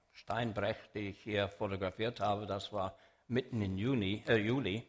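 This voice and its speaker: Speaking at a slow pace and in a low register, a man presents an illustrated religious talk. It's a public lecture with a sermon message, and he is deliberate and explanatory, turning directly to the audience.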